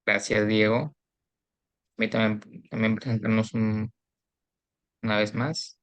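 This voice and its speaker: Guy hosting a class stream, lowish voice, pretty flat, formal. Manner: formal, measured. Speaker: host of an online class. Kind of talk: hosting a livestream.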